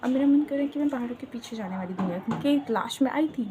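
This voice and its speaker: A woman's voice: a little high, fairly quick, muffled recording, noisy background. Chatty young woman vlogging in Hinglish. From Uttarakhand, India. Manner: lively Hindi-English mix, dramatic asides. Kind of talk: casual chatty vlog.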